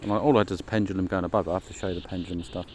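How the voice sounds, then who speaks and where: A man chatting casually to a vlog audience while walking around outdoors, musing in a halting way and trailing off mid-thought. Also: steady tone, darkish tone. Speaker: paranormal investigator filming a vlog. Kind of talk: casual rambling vlog chat. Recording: noisy outdoor ambience, traffic rumble.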